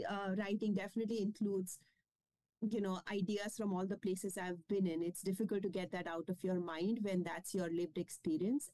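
Here a woman, an author and publisher of children's books, is interviewed about them and rambles casually with frequent fillers and restarts. She has a warm, medium-pitched voice, captured on a rough recording without echo.

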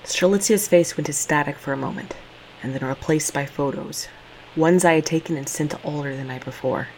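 A young woman narrates a first-person audio drama, playing a sardonic heroine caught up in her own dangerous, reckless stunt; she's sarcastic, profane and often panicky. Her voice is deep and a little fast, and the poor audio carries audible background noise.

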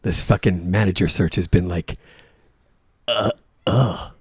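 Halting, pained, stressed manager. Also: male voice, low voice, breathy edge, dry recording, studio quality, full character voice. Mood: pained, pleading. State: in pain, halting, struggling. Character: stressed male manager in pain, feebly pleading.

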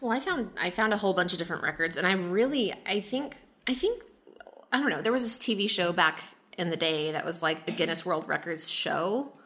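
A chatty woman hosting a casual podcast conversation. Her voice is bright and clear, and she laughs easily while keeping things moving. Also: lowish voice, animated, fairly quick. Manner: chatty, giggly, steers the conversation. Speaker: podcast host. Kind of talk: casual chat.

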